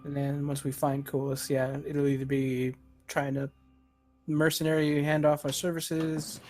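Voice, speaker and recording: A man's voice: on the high side, completely flat delivery, measured pace, darkish tone. A man chatting casually as a player in a tabletop game, thinking aloud in a hesitant, rambling way. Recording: music clearly behind.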